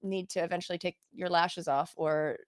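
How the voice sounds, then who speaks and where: A woman's voice: fairly low pitch, steady tone, moderate pace, dry recording, studio quality. A woman hosting a podcast in casual interview chat, bubbly and effusive, often bursting into exclamations. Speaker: podcast host.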